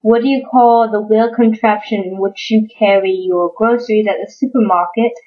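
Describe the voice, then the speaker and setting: A young woman from Georgia, USA, does an accent tag vlog, chatting enthusiastically to the camera and often repeating words. Her slight Southern accent has a faint northern tinge, and her mid-range voice keeps fairly even intonation at normal speed on a muffled recording.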